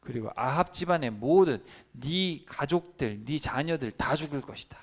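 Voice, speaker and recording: A man's voice: a little high, animated, normal speed, vocal fry. A man voicing a stern male prophet who solemnly pronounces doom on a king, in a children's Bible lesson.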